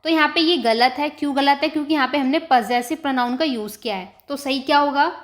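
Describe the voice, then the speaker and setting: A woman teacher with a Hindi accent giving an online language lesson, repeating example words slowly and checking in with listeners. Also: sits high. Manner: often adds "ठीक है" to check in. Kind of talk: slow explanatory online lesson.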